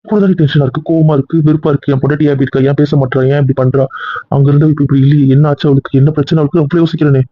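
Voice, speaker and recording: A man's voice: fairly high pitch, flat delivery, racing, dry recording, lightly acted. A man acting as a worried husband who pleads with his wife and grows heated, in an amateur serial drama. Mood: firm. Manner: pleading, then heated and insistent. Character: worried, possessive young husband. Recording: dry, tinny phone-like recording.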